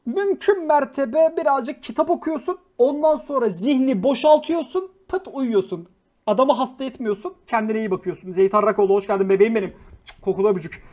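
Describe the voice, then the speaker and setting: High-pitched young guy on a livestream, slangy and jokey, swears a lot and blows up then says sorry. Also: fairly quick, darkish tone. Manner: swears freely, flares into angry outbursts then apologizes; slangy, jokey, affectionate with viewers. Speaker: livestream host. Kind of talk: casual livestream chat reading viewer messages.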